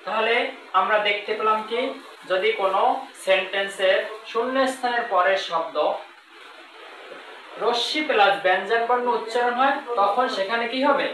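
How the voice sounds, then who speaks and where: A teacher walks through a grammar lesson, saying each rule more than once and stretching out the example sentences word by word. The voice is bright and clear. It is recorded from a distance in a very echoey room, with a faint hiss underneath. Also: mid-range voice. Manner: repeats rules, reads example sentences slowly. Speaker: English teacher. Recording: roomy, distant mic with faint noise.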